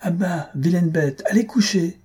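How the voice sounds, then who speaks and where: A fussy elderly aunt scolds her dog and her late nephew in a raised voice, as a man reads her lines. Under the lifted pitch the tone stays mellow and very husky. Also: expressive, moderate pace. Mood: fussing scolding. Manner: scolding, fussing.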